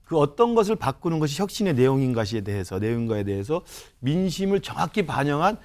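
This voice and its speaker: A man's voice: on the high side, big pitch swings, fast talker, darkish tone. A man, a university professor and political commentator, explaining his reading of events on a studio panel with analogies.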